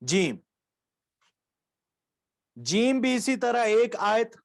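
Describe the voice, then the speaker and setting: A man from Pakistan with a fairly high voice teaches Quranic recitation in an online lecture. He explains patiently, going over each rule again with simple examples. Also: big pitch swings, gravelly. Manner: patient, repeats key points and examples.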